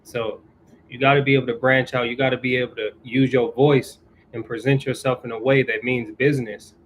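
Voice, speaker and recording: A young man hosting a casual chat on his channel, giving viewers advice in a relaxed way and repeating his key points. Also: mid-range voice, brisk, slight background noise, poor audio. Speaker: YouTube host answering viewers.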